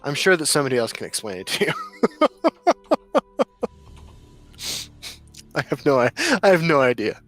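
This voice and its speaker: A man's voice: on the high side, huge pitch swings, moderate pace, long pauses, fairly bright tone, dry recording, faint music behind. A man co-hosting a gaming podcast in loose casual chat, laughing often and swearing freely. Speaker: podcast co-host.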